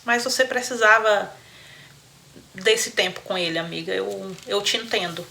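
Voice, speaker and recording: A woman hosting a storytelling show, retelling a listener's story with animated, chatty asides and frequent laughter. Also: medium pitch, a little slow, creaky. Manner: animated, laughs often, talks to listeners as friends. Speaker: storyteller host.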